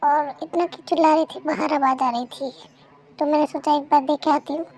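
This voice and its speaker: A preachy sister-in-law, as a woman voices her in a fan dub drama. She lectures the young wife in a very high voice. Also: steady tone, fairly quick, darkish tone. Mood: lecturing. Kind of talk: fan Hindi dub role-play.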